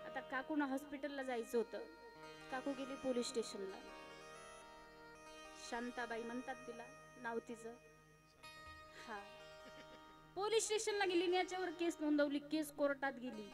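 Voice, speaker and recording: High-voiced woman preaching a kirtan. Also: normal speed, pauses often, over music. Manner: animated, dramatic storytelling, acting out each figure. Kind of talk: devotional kirtan sermon with storytelling.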